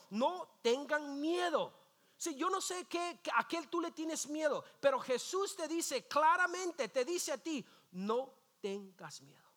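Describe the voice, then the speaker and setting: A man's voice: very high voice, fairly bright tone. A male pastor preaching a sermon in a church, leading the congregation to repeat phrases after him. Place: church sanctuary.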